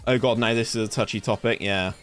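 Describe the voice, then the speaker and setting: A man's voice: on the low side, steady tone, quick pace, fairly bright tone, smooth, faint music behind. A young man from England with a West Country accent, streaming casually as he plays a game, chatting and reacting aloud to his chat. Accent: West Country English. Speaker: gaming streamer. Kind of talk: casual live-stream commentary. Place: home room in summer heat, fan running.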